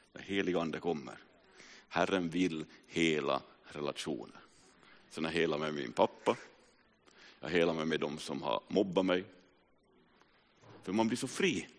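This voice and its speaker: A man in his forties preaching a personal testimony sermon, telling his story earnestly with sudden rises and hushed drops. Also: deep voice, gravelly. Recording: reverberant hall.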